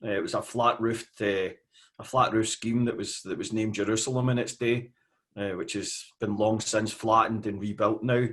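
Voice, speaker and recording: Scottish man, fifties, lowish voice, casual interview guest, halting delivery. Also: steady tone, a bit bright. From Scotland. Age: 50s. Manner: hesitant, with frequent fillers.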